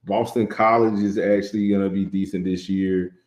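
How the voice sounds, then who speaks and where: Mellow low-voiced man, echoey room. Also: moderate pace. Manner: animated, opinionated, says "man" a lot. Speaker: podcast co-host. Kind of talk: casual sports chat.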